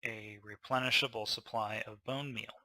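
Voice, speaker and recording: A man's voice: fairly low pitch, steady tone, normal speed, pushed and bright, no echo. A man casually narrating his gameplay, thinking aloud with fillers, a little tired. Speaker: gameplay commentator.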